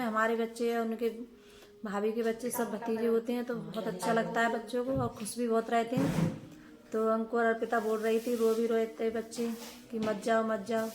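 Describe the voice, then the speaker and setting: Flat-voiced woman narrating her home vlog. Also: a little high, background noise. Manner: flat, unhurried, lots of fillers. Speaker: home vlogger.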